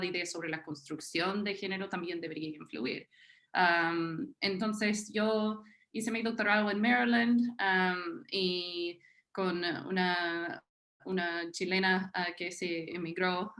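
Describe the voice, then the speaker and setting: A woman's voice: lowish voice, a bit bright. A woman from Tennessee with an American accent, whose first language is English, speaking as a historian on a panel, hesitant, with many fillers and restarts. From Tennessee, United States. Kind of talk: unscripted panel talk.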